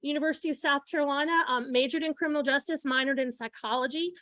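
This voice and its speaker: A woman's voice: high voice, fairly even intonation, fast, pushed and bright, no echo. A woman in her forties giving an informal lecture to students, projecting her teacher voice without a microphone. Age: 40s. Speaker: guest lecturer, forensic science instructor. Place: room, speaking aloud to a student audience.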